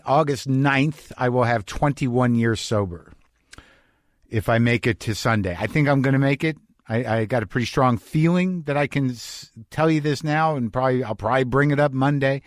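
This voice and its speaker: A man's voice: lowish voice, dry recording. Man with a dry close podcast mic. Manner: rambling, confessional storytelling with many restarts. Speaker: podcast host. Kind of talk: casual monologue. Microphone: podcast microphone.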